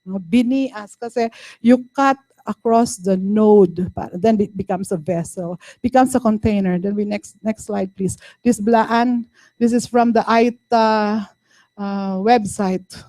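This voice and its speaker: A woman's voice: mid-range voice, measured pace, mellow, no echo. A woman with a Filipino accent giving a university lecture, patiently explaining and checking in with "no?" and "okay?". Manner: code-switching, explaining patiently with frequent "no?" and "okay?". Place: lecture room.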